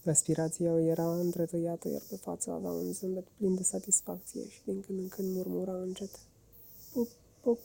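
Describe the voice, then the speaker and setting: A woman narrating a children's classic in an expressive storytelling manner. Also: on the low side, vocal fry, few pauses, slightly rough. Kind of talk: audiobook narration.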